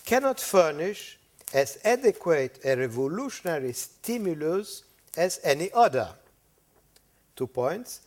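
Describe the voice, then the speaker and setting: An older man born in Brazil giving an academic lecture, reading out quotations and pausing with "uh" and a checking "yeah?". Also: a little high. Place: lecture hall.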